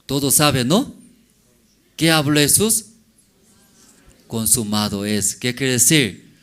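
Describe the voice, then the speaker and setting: A man preaching a sermon as pastor, in halting non-native Spanish with broken grammar, often asking the congregation questions. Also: medium pitch, lively intonation, a bit bright. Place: church service.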